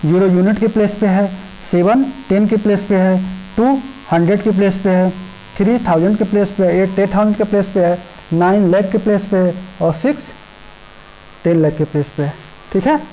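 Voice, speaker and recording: A woman teaching a primary school math lesson, explaining place values slowly and repeatedly checking in with the children. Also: medium pitch, dark tone, slight background noise, poor audio. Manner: slow, repetitive explaining with frequent "ठीक है" checks. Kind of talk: class 5 math lesson in Hindi with English number words.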